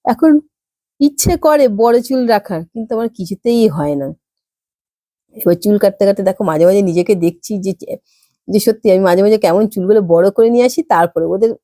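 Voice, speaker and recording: A woman from Kolkata with a West Bengal accent tells her viewers a story in a chatty vlog style, lively and acting out the dialogue in different voices. Her pitch is medium, and the studio-quality recording has no room sound.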